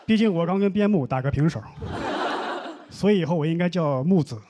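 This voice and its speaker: Young male stand-up comic, deadpan storyteller, lively high voice, live stage mic. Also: brisk. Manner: deadpan storytelling, mock complaints. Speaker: stand-up comedian. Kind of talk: stand-up comedy set. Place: comedy stage with live audience. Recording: noisy live show audio.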